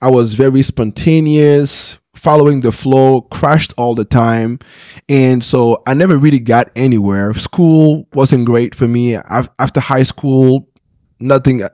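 In a small podcast studio, on a close mic with no echo, a thirty-something pastor candidly tells his own story in an interview. His mid-range voice is a little mellow; he's earnest, often restarts, and checks in with "right?".

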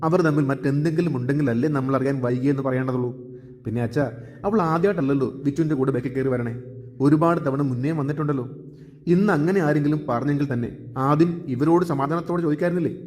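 A man voicing a young, protective elder brother who talks gently and reassuringly. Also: fairly high pitch, fast talker, close to an everyday voice. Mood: earnest. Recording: long hall reverb.

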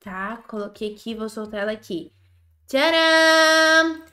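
A woman with a Brazilian Portuguese accent giving chatty, excitable commentary on a game she is playing, often talking straight to her viewers. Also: high-pitched, a little fast. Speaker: gaming YouTuber. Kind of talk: Roblox gameplay commentary.

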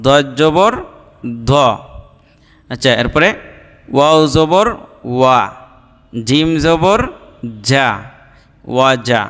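Male reading teacher, very slow and deliberate, crisp diction, letter-by-letter drilling, reverberant hall sound. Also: fairly high pitch, expressive, fairly bright tone. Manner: spells each letter and vowel slowly, then joins syllables. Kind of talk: slow drilled recitation lesson.

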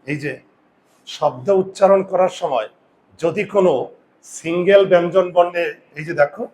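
Man, grammar teacher, fairly high voice, asks students questions, repeats key words. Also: normal speed, a little mellow, a little hiss or hum. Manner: addresses students directly with frequent rhetorical questions; confident, boastful asides. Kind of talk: classroom-style video lesson.

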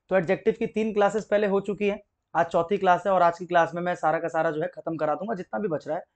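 Fast-talking high-voiced teacher. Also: male voice. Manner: explains step by step, keeps checking understanding. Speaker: English teacher. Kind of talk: exam-prep grammar lesson.

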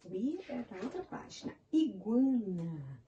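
Recorded on a distant mic with the highs cut off and a faint hiss or hum, this woman has a fairly high, dark-toned voice and draws out her words with great animation. As a primary school teacher, she guides young children through the syllables of animal names in Brazilian Portuguese, offering encouraging praise throughout.

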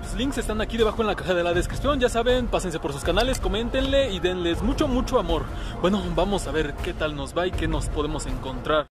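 A man's voice: high-pitched, fast talker, music in the background. A man in his twenties with a Mexican accent hosting a casual night exploration vlog outdoors in short, slangy phrases. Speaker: vlog host. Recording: noisy outdoor phone video.

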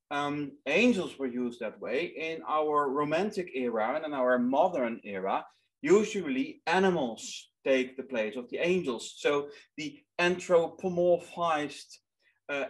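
A Dutch man in his thirties gives an online lecture in English, his second language, over a webcam in a small room. He's earnest and often repeats words while searching for the right ones. His voice is mid-range, and the audio quality is poor.

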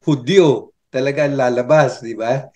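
An older man co-hosting a casual chat, thinking aloud with halting restarts. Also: mid-range voice, darkish tone. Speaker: co-host.

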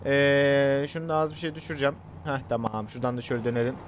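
A man's voice: mid-range voice, quick pace, a little hiss or hum. A young man chatting casually to his viewers while playing a farming game, joking at his own expense. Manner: chatty, self-mocking, talks to viewers. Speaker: gaming YouTuber. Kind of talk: casual gameplay commentary.

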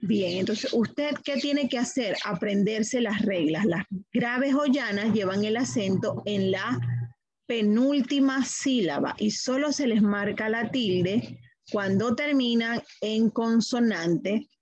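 A woman's voice: on the high side, a little mellow, breathy edge, dry recording, low-quality recording. A middle-aged woman teacher giving a classroom grammar lesson, asking the class questions and answering them herself.

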